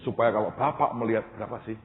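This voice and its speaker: A male pastor preaching a storytelling sermon, acting out dialogue and swinging from loud to hushed. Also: fairly low pitch, rapid-fire, a little hiss or hum. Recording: tinny phone-like sound, long hall reverb.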